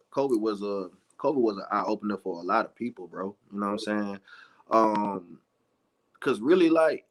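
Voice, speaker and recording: A young man with a drawl talks easygoing and unhurried on a podcast. His voice sits low, and he wanders through his thoughts with plenty of "you know." It has a loose, conversational feel. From south side of Atlanta, Georgia. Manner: laid-back, rambling, frequent "you know". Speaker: guest, independent music artist.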